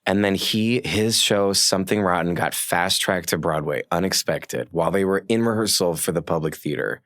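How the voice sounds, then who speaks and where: Deep-voiced man telling eager stories. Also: a bit bright. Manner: eager, quick anecdotes, quotes others. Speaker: guest, stage actor. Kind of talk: casual storytelling.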